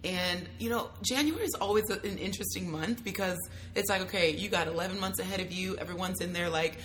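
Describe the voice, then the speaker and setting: A young adult woman, a travel content creator, talking casually as an interview guest, lively, slangy and quick to laugh. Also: on the low side. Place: at a travel festival.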